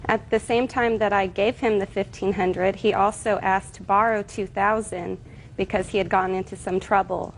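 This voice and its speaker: A woman's voice: medium pitch, fairly even intonation, normal speed, rough recording. Hesitant American woman giving testimony. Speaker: plaintiff in TV small-claims court. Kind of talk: courtroom testimony. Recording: TV courtroom with faint noise.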